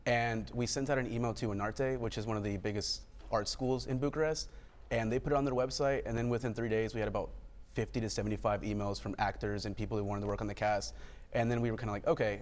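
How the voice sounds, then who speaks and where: A man, a film director, talking conversationally as a guest in a TV interview. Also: lowish voice.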